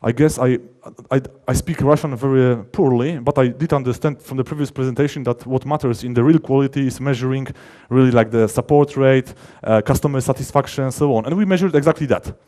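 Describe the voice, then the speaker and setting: A software developer, male, speaks briskly at a conference with hardly any pauses. His mellow, relaxed voice sits at an ordinary male pitch. Informal technical explanation is his mode, with emphasis on key terms and frequent halts and restarts as he rephrases.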